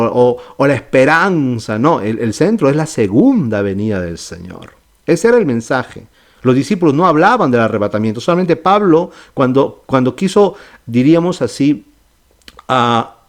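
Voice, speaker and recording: A male pastor giving a Bible study sermon, explaining step by step, often checking in with his listeners and correcting himself mid-phrase. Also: mid-range voice. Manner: explanatory, with frequent "¿ok?" and "¿verdad?" check-ins.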